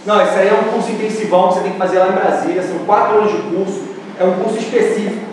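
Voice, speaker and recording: A man with a Brazilian accent leading an impressions class in a comedy sketch, loud and bossy, calling out to a group. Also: high-pitched, steady tone, very fast, slight background noise. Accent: Brazilian Portuguese. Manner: loud, bossy, shouting call-and-response. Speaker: impressions teacher. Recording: echoey room from far off.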